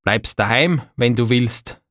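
A man voicing a brooding old farmer father who grumbles in a halting way. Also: mid-range voice, a bit bright, no room sound, clean studio sound. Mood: gruff.

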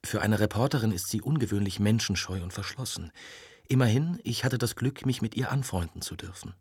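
A man's voice: fairly low pitch, fairly quick, a little mellow, slightly rough. A man voicing a stubborn young woman journalist who presses and pleads insistently, in an audiobook. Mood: pleading. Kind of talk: audiobook dialogue.

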